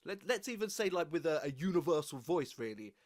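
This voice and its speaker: A man's voice: fairly high pitch, sing-song, fairly quick, a little mellow. A man hosting a podcast interview, thinking aloud in loose, reflective phrases. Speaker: podcast host. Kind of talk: conversational interview.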